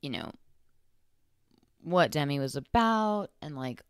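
Really low voiced young woman from texas, slow rambly podcast talk, lots of likes and ums. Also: very animated, clear, resonant tone, no echo, clean studio sound. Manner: rambling, lots of fillers and self-corrections. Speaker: podcast host. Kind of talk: casual solo podcast monologue.

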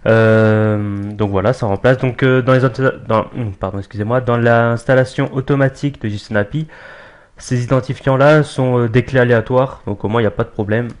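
A young man giving a casual screen-recorded software tutorial, hesitant, with many fillers and restarts. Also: medium pitch, fairly even intonation, normal speed. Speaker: tutorial maker.

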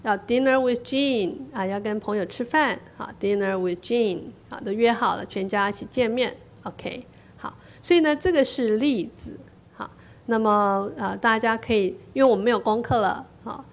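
Chatty woman English teacher, gravelly edge. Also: on the high side. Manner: chatty, tacks a drawn-out "ha" onto phrases; repeats phrases slowly for the listener to echo. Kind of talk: bilingual classroom-style English lesson.

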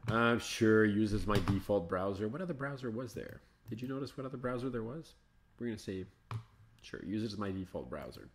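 A man's voice: on the low side, expressive, normal speed, slight background noise. Chatty man narrating a screen demo. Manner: chatty, thinks aloud, coaxes the software. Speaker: host of a live Linux show. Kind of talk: casual live screencast commentary.

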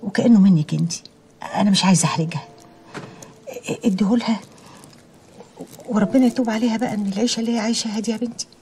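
An actress playing a loving older mother who prays softly for each of her children, speaking with an Egyptian accent. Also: medium pitch, steady tone, racing, long pauses, lightly acted. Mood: tender prayerful. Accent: Egyptian Arabic. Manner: tender, prayerful, softly pleading. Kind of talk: Egyptian TV drama acting.

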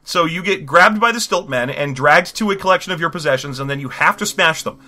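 Casual podcast co-host, male, rapid and bright, always joking around. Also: fairly high pitch, expressive. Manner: quick, jokey, riffing. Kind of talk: casual comedic chat.

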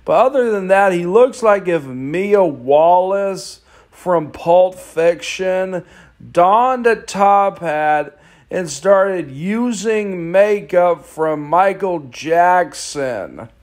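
A man's voice: sits high, lively intonation, extremely slow, darkish tone. A young man reviewing a film in a casual, blunt, complaining way.

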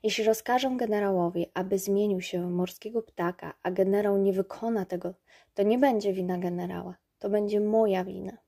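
A woman's voice: mid-range voice, steady tone, brisk, warm tone, lightly acted. A woman voicing a pompous, commanding old king in a storybook, handing out orders.

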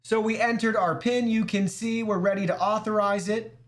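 A man with a somewhat high-pitched voice reviews a gadget in a loose, easygoing way. He walks through menus step by step and talks straight to his viewers. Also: fairly even intonation, moderate pace. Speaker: product reviewer. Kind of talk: casual app walkthrough demo.

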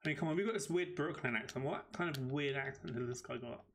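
A British man giving chatty, excitable live commentary as he streams a game at his desk microphone. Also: mid-range voice, quick pace, slight background noise. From United Kingdom.

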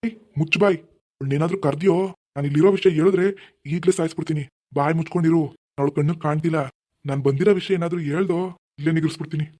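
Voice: mid-range voice, steady tone, quick pace, darkish tone, natural voice. A performer voicing a menacing, mocking ghost in a cartoon. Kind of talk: animated cartoon voice acting.

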